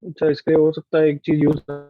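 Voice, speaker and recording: A man's voice: on the high side, monotone, fast talker, soft background music. A male math teacher with an Indian accent lectures an online class over a breaking-up call, scolding and checking that students follow. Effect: breaking-up online call audio. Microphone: video call. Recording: dull dry lo-fi call audio.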